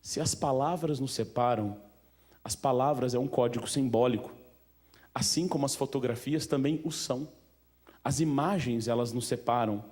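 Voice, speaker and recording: A Brazilian man speaks at a museum event in an easygoing, conversational way. His voice sits at an ordinary mid pitch, and he keeps turning to the audience with questions and little fillers. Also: normal speed, darkish tone. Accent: Brazilian Portuguese. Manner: chatty, asks the audience questions, many fillers. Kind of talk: informal talk to an audience.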